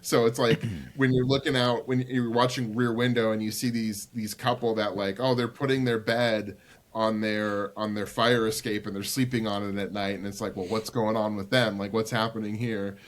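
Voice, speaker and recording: A man's voice: on the low side, little pitch movement, normal speed. A man in his thirties co-hosting a podcast, talking in a loose, meandering way with many filler words. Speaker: podcast co-host. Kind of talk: casual chat.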